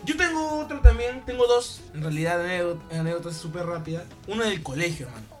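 A man's voice: high-pitched, expressive, fast talker, soft background music. A man, co-hosting a casual chat and teasing his friend between laughs. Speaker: co-host.

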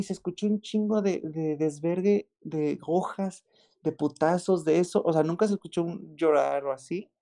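A man with a Mexican accent telling a story in casual chat, excited and slangy, often repeating exclamations. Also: fairly high pitch, creaky. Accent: Mexican Spanish.

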